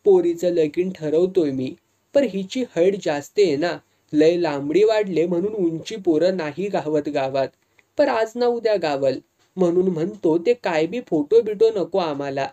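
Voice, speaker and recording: A narrator voicing a bald, heavyset fisherman father who talks bluntly in rough village speech, reading a serialized novel. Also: high voice, unhurried, warm tone. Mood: stern. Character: burly bald fisherman father, gruff and domineering.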